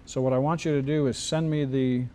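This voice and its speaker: A man's voice: mid-range voice, steady tone, brisk, dark tone. A man teaching a screenwriting class in a loose, joking way, often restarting his sentences. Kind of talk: casual classroom talk.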